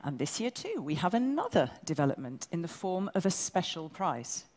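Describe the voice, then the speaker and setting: A woman from England presenting an awards ceremony on stage, brisk, bossy and joking with the audience. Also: on the low side, big pitch swings, a little mellow. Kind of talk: live stage hosting. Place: large event hall. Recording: long hall reverb.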